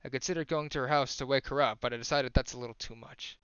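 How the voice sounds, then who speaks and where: A man's voice: medium pitch, steady tone, fast talker, fairly bright tone, clear, resonant tone, no room sound, muffled recording. Young male streamer reading a game aloud. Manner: casual, self-correcting, rereads lines for emphasis. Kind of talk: reading a visual novel aloud on a live stream.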